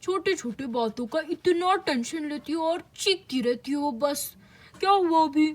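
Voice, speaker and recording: A woman's voice: high-pitched, lively intonation, measured pace. A woman voicing an easygoing husband who mildly scolds his wife, in a doll-play story. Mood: scolding calm.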